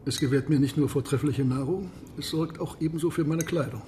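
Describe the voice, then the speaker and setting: Captain Nemo, an imperious, bright-voiced submarine captain, acted by a man. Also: on the high side, a little hiss or hum, lightly acted. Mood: reverent, fervent. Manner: measured, formal, imperious. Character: proud, secretive, commanding submarine captain. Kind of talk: radio drama acting.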